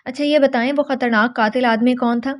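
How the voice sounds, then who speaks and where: A woman's voice: sits high, steady tone, natural voice. Stubborn captive young woman, read by a woman. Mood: pleading. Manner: pleading and defiant.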